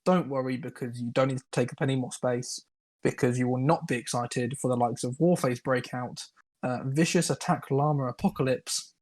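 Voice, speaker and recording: A man's voice: mid-range voice, normal speed. Sarcastic young man, podcast co-host. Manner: sarcastic, mock-excited. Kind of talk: casual chat.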